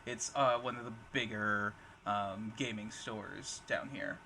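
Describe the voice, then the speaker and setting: A man's voice: lowish voice, vocal fry, rough recording. Laid-back man co-hosting over noise. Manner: relaxed, laughs often, halting questions. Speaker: podcast co-host. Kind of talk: casual chat.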